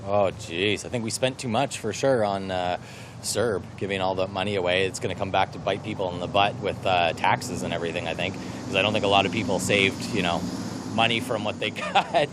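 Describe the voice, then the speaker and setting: A man's voice: low voice, a little fast. A man giving a casual, folksy street-interview answer. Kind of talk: street vox pop answer. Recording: outdoors with loud traffic.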